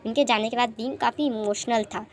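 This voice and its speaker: A woman narrating a romance fan fiction story in a chatty, expressive way. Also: on the high side, fairly quick, a little hiss or hum.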